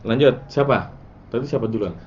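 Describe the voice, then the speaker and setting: A man's voice: mid-range voice, fairly quick. Chatty male teacher, dull lo-fi recording. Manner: relaxed, chatty, quizzes students, chants word patterns. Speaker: Arabic morphology teacher. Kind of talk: casual classroom lesson.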